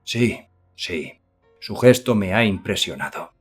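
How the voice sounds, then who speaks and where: A man voicing an earnest, excitable young idealist who speaks eagerly and effusively in an audiobook. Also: sits low, takes it slowly, breathy edge, faint music behind, exaggerated voice.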